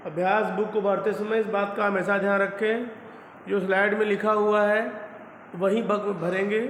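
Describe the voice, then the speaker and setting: A man's voice: sits high, flat delivery, moderate pace, fairly bright tone. A male school teacher patiently explaining a language lesson step by step, often checking in with his students. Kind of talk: classroom lesson video. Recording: echoey room with faint background noise.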